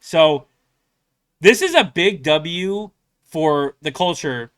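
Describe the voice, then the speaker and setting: Young man, reaction host, rambling casual talk, bright clear voice. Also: on the high side, animated, slow pace. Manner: rambling, filler-heavy, laughs often. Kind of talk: casual commentary.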